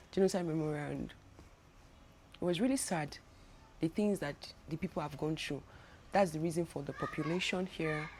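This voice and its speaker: With a low, darkish voice and a little hiss or hum in the audio, a young Nigerian travel vlogger speaks casually to camera. She's chatty, restarting often and repeating words, and has a Nigerian accent.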